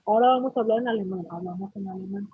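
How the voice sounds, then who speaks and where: A woman's voice: medium pitch, racing, slightly rough, no echo, narrow, tinny audio. A woman teacher with a Mexican accent, lecturing a class and often checking that her students follow. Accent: Mexican Spanish. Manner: explanatory, asks students frequent check-in questions.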